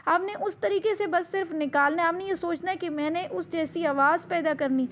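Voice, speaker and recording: A woman with a high voice gives a recorded lesson on pronouncing Arabic letters. She explains gently and repeats herself often, stretching each letter long as she demonstrates it. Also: slight background noise. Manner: patient, repeats instructions, drawn-out letter demonstrations. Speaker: Quran recitation teacher.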